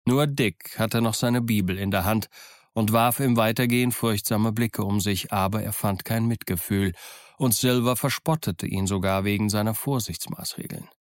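A man narrating an audiobook in a calm, measured storytelling voice. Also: on the low side, no echo, studio quality. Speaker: audiobook reader. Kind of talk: scripted narration.

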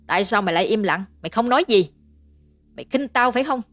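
A woman putting on a shrill, cursing village mother. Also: big pitch swings, normal speed, dry recording, soft background music. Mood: shrieking abuse. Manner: screeching, cursing tirade. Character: shrill abusive peasant mother, middle-aged, scolding.

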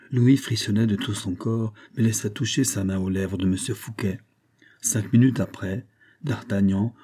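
A man narrating a classic novel as an audiobook in a measured, dramatic reading. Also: fairly low pitch, warm tone, slightly rough. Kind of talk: scripted narration.

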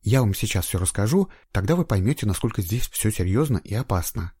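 A man's voice: lowish voice, animated, a little fast, dark tone, husky, no echo. A man voicing an eager young female trainee investigator in an audiobook, with a raised, insistent voice. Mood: earnest. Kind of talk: audiobook reading.

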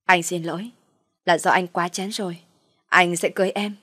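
A woman's voice: lowish voice, steady tone, normal speed, fairly bright tone, slightly rough, dry recording, studio quality. A woman voicing a polite, gullible young man who stammers and speaks earnestly. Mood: hesitant.

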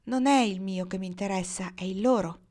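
A woman's voice: medium pitch, a little fast, a little mellow, close to an everyday voice. A woman voicing a happy young mother in an audiobook, speaking tenderly and persuasively. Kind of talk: audiobook dialogue.

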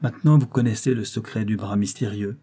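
Man voicing a noble young princess, solemn, declamatory, mellow tone, husky edge, audiobook. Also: fairly low pitch, a little fast. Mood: earnest. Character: proud loving young princess in hiding. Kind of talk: audiobook reading.

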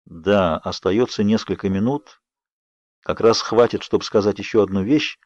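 A man voicing Edward, a sorrowful ageless vampire who speaks softly and with resignation, in an audiobook. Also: on the low side, normal speed, no echo, close to an everyday voice. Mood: gentle. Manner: soft, murmured, resigned. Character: sorrowful ageless vampire youth, gentle and restrained. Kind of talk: audiobook character reading. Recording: dry, slightly dull studio read.

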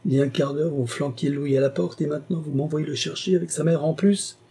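Man voicing a loud boisterous country gentleman. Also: on the high side, fast, creaky, husky, pitched above the performer's own voice. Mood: indignant. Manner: loud, excitable, exclaiming. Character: boisterous middle-aged male country gentleman.

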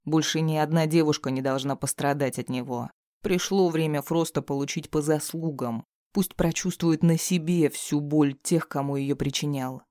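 A man's voice: on the high side, fairly even intonation, normal speed, a little mellow, no room sound. Grim male audiobook narrator, dry. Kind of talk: first-person audiobook narration.

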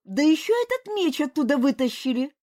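Kasima, a woman doing a high, indignant young princess. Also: big pitch swings, brisk, darkish tone. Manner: high, breathless and reproachful.

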